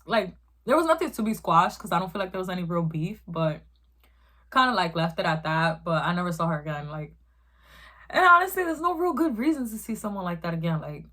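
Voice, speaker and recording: A young vlogger eats while telling a profane, emphatic story in a casual storytime chat. Her voice is medium-pitched with a sharp tone.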